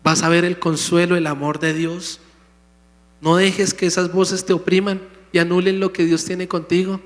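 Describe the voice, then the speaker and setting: A man preaching a sermon in a slightly high voice, emphatic and calling out to his congregation. His words ring out through a church sanctuary. A long hall reverb trails after each phrase. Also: little pitch movement, normal speed. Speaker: pastor.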